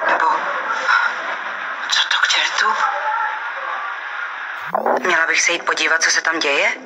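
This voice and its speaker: A woman's voice: sits low, very noisy, close to an everyday voice. A woman voicing a policewoman detective with a dry inner monologue in an audio detective game. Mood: wary. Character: wary young policewoman detective.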